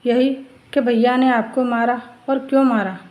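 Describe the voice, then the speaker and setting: A tearful schoolboy begging for help, pleading and choked up, in a family storybook tale, as a woman narrator puts him on, on a fairly high pitch. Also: fairly even intonation, normal speed, a little mellow, natural voice, low-quality recording.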